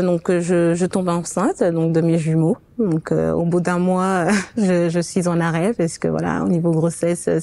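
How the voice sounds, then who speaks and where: A woman from Portugal with a fairly low, mellow voice speaks French, which is not her first language. As an interview guest and quality manager, she gives a personal testimony, often stopping and restarting.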